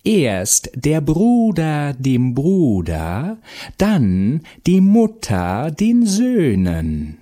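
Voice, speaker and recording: A man voicing a shrieking, bossy old witch in a storybook, giving orders in a shrill, drawn-out voice. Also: wildly swooping pitch, dark tone, full character voice. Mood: commanding. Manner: screeches commands slowly and shrilly. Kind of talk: storybook read-aloud.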